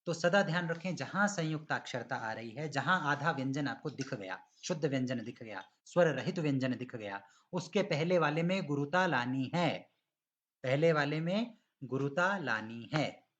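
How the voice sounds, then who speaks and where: Man, online class teacher, patient, demonstrates lines slowly. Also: on the high side, expressive, fairly bright tone, highs cut off. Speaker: Sanskrit pronunciation teacher. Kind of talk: online class correcting students.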